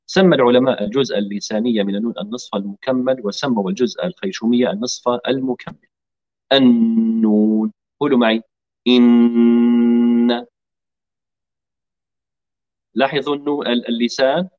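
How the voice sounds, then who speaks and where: A man leads an online recitation lesson, steadily explaining how each letter is formed. He stretches out sounds for his students to copy. The audio is dull and lo-fi. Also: mid-range voice. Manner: slow, demonstrative, drills sounds for students to repeat. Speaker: tajweed teacher.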